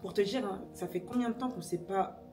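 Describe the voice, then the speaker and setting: Lively young woman vlogging, music behind. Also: medium pitch, recorded from a distance. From Senegal. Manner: lively, laughs often, quick to argue. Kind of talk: casual vlog chat.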